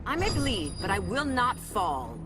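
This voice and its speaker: A woman's voice: mid-range voice, huge pitch swings, unhurried. A woman playing a proud, resolute Amazon warrior heroine in a video game, noble and admonishing. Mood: resolute, stern. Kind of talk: dramatic video game acting. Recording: game audio over loud music.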